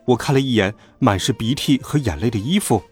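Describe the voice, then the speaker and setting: A man narrating a children's audiobook in a playful, lively storytelling manner. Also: medium pitch, fairly quick, husky, faint music behind.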